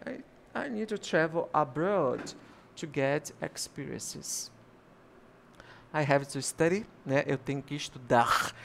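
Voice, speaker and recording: A male English teacher giving a video lesson over slides, slowing down to stress each English example sentence. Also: fairly high pitch, gravelly, a little hiss or hum.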